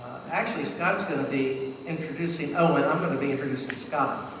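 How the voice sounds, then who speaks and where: A man presents an award, reading his speech with jokes and small stumbles. His voice sits a touch high and comes from far off the mic, echoing around a big hall. Steady noise hangs in the room. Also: brisk. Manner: joking, stumbling while reading. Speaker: ceremony presenter. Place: event hall indoors. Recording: echoey hall from far off, noisy.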